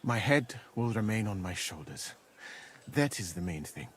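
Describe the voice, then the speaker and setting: An actor playing a dignified surgeon knight in a video game, measured and calm. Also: male voice, fairly low pitch, slight background noise.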